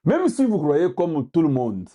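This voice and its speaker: A man from Congo with a Congolese French accent, delivering heated, forceful political commentary and repeating points for emphasis. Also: fairly high pitch, huge pitch swings, unhurried, dull audio. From Democratic Republic of the Congo.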